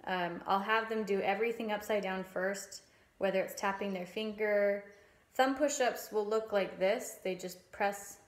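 Woman, 30s, music teacher demonstrating at home; relaxed, filler-heavy delivery; roomy camera-mic sound. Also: medium pitch. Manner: relaxed explaining with frequent ums, sings nursery rhyme verses. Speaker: strings teacher. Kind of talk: demonstration lesson. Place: small room at home, indoors. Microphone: camera mic, phone or webcam framing. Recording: echoey room.

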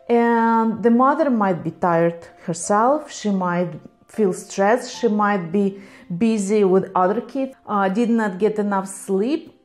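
A woman's voice: a little high, darkish tone. A woman psychologist and life coach explaining to viewers in a patient, earnest way, in slightly non-native English.

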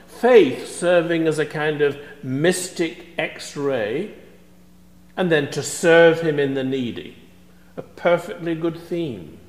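Older male priest, measured scholarly sermon, slow delivery, church reverb. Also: on the high side. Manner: measured, scholarly preaching with a lecturing tone. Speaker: supply priest. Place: large church sanctuary before the altar. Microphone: fixed camera at a distance. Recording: echoey church with long reverb.

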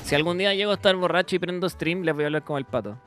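Casting: Chilean male streamer, rather high voice, jokey and crude, game music behind. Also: very fast, fairly bright tone. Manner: joking, laughing, crude slang. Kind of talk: casual gaming stream chat.

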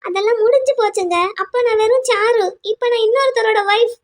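Woman doing a tearful young widow in a cartoon, super high pitched, pleading and upset. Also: a little fast. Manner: pleading, distressed. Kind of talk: cartoon drama dubbing.

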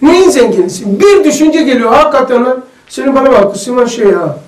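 A man with a very high voice leads an informal religious lesson, chatting and telling anecdotes to his group. He is recorded from a distance in a roomy, echoing space. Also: lively intonation, fast. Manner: chatty, storytelling, asks the group questions. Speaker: religious study circle leader. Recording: echoey room, mic far off.

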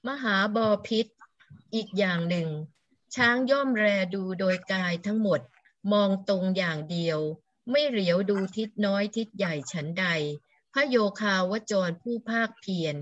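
A woman reading a scripture translation aloud for a monk's class, in a steady, measured way. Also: medium pitch, no echo, dull audio. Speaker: student reader.

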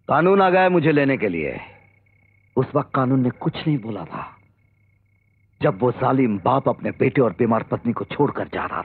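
Bitter young avenger, husky and lively in pitch, tinny film sound. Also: male voice, exaggerated voice. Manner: bitter, brooding. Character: embittered young man bent on revenge. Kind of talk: Hindi film melodrama.

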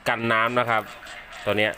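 A man giving a casual hands-on unboxing demonstration, speaking haltingly and repeating words as he handles items. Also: lowish voice, flat delivery, pushed and bright, slight background noise. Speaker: unboxing presenter.

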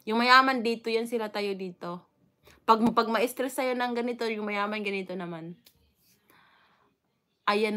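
A woman's voice: a little high, sharp tone. A Filipino woman from the Philippines chatting casually on a live stream, greeting viewers one by one with frequent fillers and laughs.

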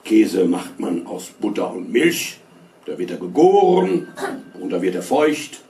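A pompous, condescending father, as a man puts him on, with a low voice and a lively lilt. He lectures as if he knows everything. It is heard from far off in a roomy hall. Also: unhurried, exaggerated voice. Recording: roomy stage sound from far.

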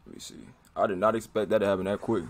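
Low gravelly man reacting casually. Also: steady tone, fast, a little hiss or hum. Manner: laid-back slangy commentary, chuckling and exclaiming. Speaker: reaction video host.

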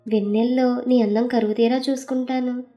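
A woman's voice: fairly high pitch, fairly even intonation, a little fast, dark tone, faint music behind, natural voice. A woman voicing a playful, teasing husband who talks in an easygoing way.

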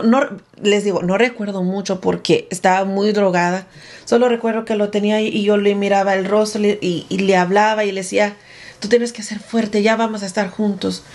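Spanish-speaking woman telling an emotional story. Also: mid-range voice. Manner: emotional, breathless retelling with repeated phrases; speaks directly to viewers. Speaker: vlogger telling her own story. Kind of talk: casual story time.

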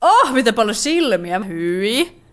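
Finnish woman gamer, fairly high voice, jumpy horror let's play commentary, chatty. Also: sing-song, fairly bright tone, a little hiss or hum. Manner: jumpy, startled exclamations, chatty asides. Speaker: gaming YouTuber.

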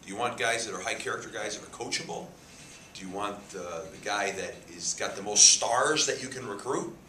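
Fairly quick, bright, and forceful, he speaks with a lowish voice. This head football coach in his fifties fields press conference questions emphatically, repeating words and gesturing. The recording, made on a table mic cluster in a press room with a sponsor backdrop, has echo and a faint hiss.

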